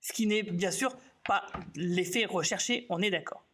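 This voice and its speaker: Man, casual live tutorial, relaxed, self-mocking, thinking aloud, lots of fillers. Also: high-pitched, moderate pace. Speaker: graphic designer teaching software on a live stream.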